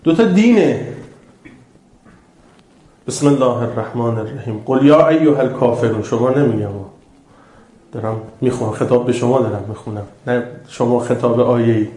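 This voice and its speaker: A man giving a sermon to a live audience, swinging between loud, emphatic bursts and low, quiet asides, reciting scripture verses slowly and deliberately and asking his listeners questions. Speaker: religious lecturer. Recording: echoey room.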